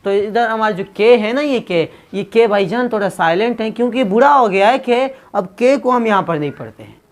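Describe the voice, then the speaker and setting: A man's voice: sits high, animated, normal speed. A man teaching English pronunciation in a casual video lesson, joking and teasing his viewers as he explains, and dropping English phrases into his talk.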